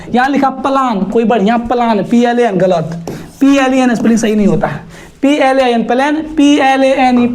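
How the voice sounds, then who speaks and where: Teasing male grammar teacher. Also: very high voice. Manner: teasing, scolding rhetorical questions; lively, spells words letter by letter. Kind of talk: exam-prep grammar lesson.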